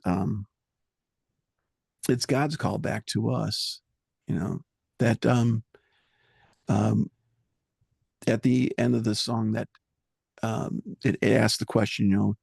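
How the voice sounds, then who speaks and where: Interview guest: man, low husky gravelly voice, dry sound, earnest and halting. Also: darkish tone, dry recording. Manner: halting, searching for words, earnest. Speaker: musician guest. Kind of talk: reflective interview talk.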